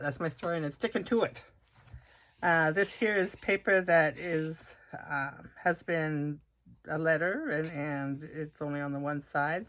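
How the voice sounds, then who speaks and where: Low-voiced woman, chatty craft show-and-tell. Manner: chatty, rambling, frequent restarts and "uh". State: has a cold, coughing and hiccups. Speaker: craft video host.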